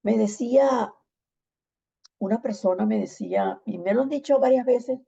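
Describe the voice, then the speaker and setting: A woman teaching a church discipleship Bible lesson, telling stories and acting out text-message exchanges in lively voices. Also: a little high, normal speed, gravelly, breathy edge, dull audio.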